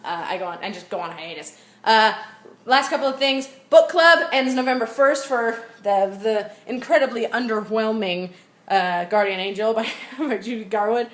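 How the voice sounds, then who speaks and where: A young woman chatting quickly in a casual, unedited vlog from her home, babbling with lots of fillers. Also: fairly high pitch. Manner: fast babbling, many fillers. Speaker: vlogger. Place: at home, indoors. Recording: echoey room.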